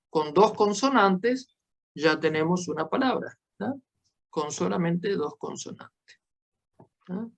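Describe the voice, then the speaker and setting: Slow, patient male teacher. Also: fairly high pitch, vocal fry, fairly bright tone. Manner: slow, explanatory, frequent checking tags. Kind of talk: classroom lesson.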